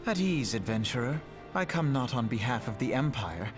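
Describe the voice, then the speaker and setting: An earnest, formal young scholar. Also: male voice, mid-range voice, big pitch swings. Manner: formal, measured and courteous. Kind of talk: video game voice acting. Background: game music.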